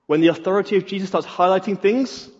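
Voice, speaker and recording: A man's voice: high voice, quick pace, darkish tone, husky. A man preaching a sermon in an earnest way, repeating key phrases for emphasis. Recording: reverberant hall, dull lo-fi sound.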